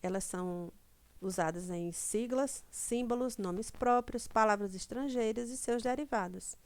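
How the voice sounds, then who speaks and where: Slow, patient woman teaching grammar. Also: fairly high pitch, darkish tone, clean tone, no room sound. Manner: slow didactic, stretches example words, frequent "certo?" checks. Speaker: Portuguese language teacher. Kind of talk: online grammar lesson.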